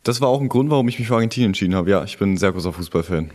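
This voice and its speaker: A young man from Germany, born in Frankfurt and now living in Franconia, talks casually as an interview guest about his experiences as a returned volunteer abroad. His voice is on the low side and a little mellow, with lively intonation and a racing pace.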